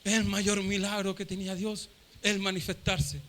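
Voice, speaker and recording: In a high but monotone voice at normal speed, a preacher from Chile delivers a fervent Pentecostal sermon. He repeats lines for emphasis and performs shouting crowd voices.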